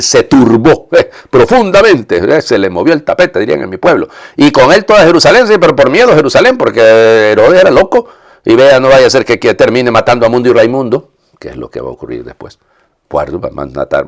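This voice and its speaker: A man preaching a homily as a priest, teaching with frequent asides to the congregation and pausing to explain Greek words. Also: low voice. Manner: many fillers and restarts, explains Greek terms. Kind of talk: Epiphany homily after a Gospel reading.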